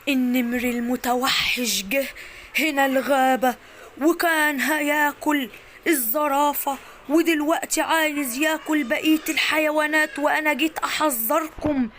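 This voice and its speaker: Egyptian lady doing a brave boy elephant, kinda high voice, earnest and protective. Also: fairly even intonation, moderate pace, a bit bright, slight background noise. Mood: urgent. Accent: Egyptian Arabic. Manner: earnest, reassuring and urgent. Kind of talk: storybook acting.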